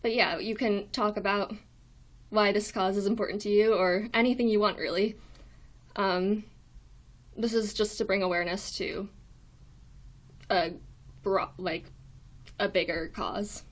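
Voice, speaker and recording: A woman's voice: mid-range voice, fairly even intonation, measured pace, long pauses. Weak, thin-voiced young woman chatting on livestream. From United States. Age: young adult. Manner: apologetic, hesitant. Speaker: live stream host. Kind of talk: casual livestream chat. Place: small dorm room.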